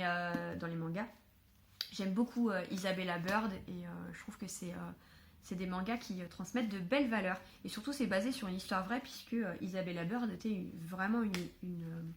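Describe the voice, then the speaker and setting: A woman chatting casually to camera at home about books she was given, filling pauses with hesitations. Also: medium pitch, a little hiss or hum. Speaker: book vlogger. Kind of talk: casual book haul chat.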